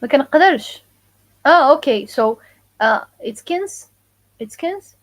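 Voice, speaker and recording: Lady doing a live language lesson, kinda high voice, says words over and over for viewers. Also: expressive. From Morocco. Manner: casual, repeats phrases slowly for learners; answers viewer questions. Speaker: Moroccan Arabic teacher.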